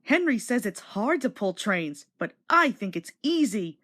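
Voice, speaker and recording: A woman voicing a cheeky, self-important young male train engine in a storybook, fussy and excitable. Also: medium pitch, a little slow. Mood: proud, excited.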